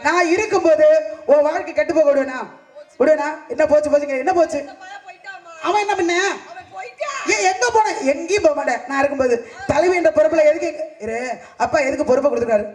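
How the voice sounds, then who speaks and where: Man playing a bossy shouting village matriarch. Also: extremely high pitch. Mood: scolding. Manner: scolding, loud, rapid-fire questions. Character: bossy village woman, head of the household. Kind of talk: live Tamil stage comedy. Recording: echoey stage with background music.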